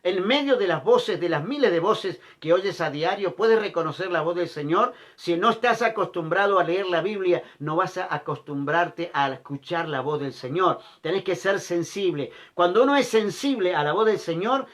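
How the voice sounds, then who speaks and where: A man's voice: high-pitched, lively intonation, moderate pace, few pauses, a bit bright. A male pastor preaching a sermon, repeating key phrases and asking the listeners rhetorical questions.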